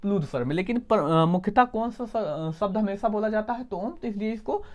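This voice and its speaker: A man's voice: high voice, a little fast, a little mellow. A male teacher giving an exam coaching lesson, asking questions and answering them himself and correcting his own slips.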